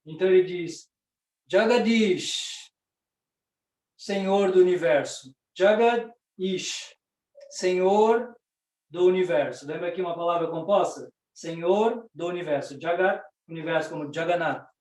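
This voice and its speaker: A Brazilian man with a fairly high voice teaches a language class, going through each point patiently and checking in with his listeners. He sounds set back from the microphone in a roomy, echoing space. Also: normal speed, darkish tone. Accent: Brazilian Portuguese. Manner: patient, explains step by step with frequent "né?". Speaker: Sanskrit teacher. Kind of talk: explanatory lecture. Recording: roomy, distant mic.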